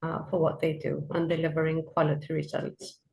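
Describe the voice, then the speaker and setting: A woman's voice: low-pitched, little pitch movement, brisk, creaky, a little mellow, rough recording. A woman in her forties from Greece, a guest on a podcast, answering with many hesitant fillers. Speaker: podcast guest, project manager. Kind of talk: casual interview answers.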